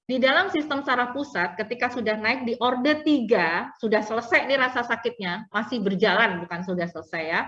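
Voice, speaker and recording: A woman's voice: on the high side, fairly bright tone. A middle-aged woman teaching a biology class in a chatty, playful way, quizzing her students and laughing often. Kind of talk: classroom lecture. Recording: distant, dull lo-fi classroom recording.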